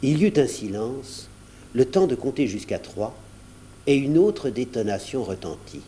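Expressive man reading a storybook. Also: medium pitch, measured pace, slight background noise. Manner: expressive, varied storytelling delivery. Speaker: audiobook narrator. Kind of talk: storybook read aloud from cassette.

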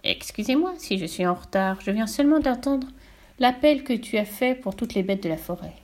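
Storybook frog, high and perky, helpful and polite, read by a woman. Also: lively intonation, normal speed, a little mellow, close to an everyday voice. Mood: apologetic. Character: helpful magic frog, swells huge.

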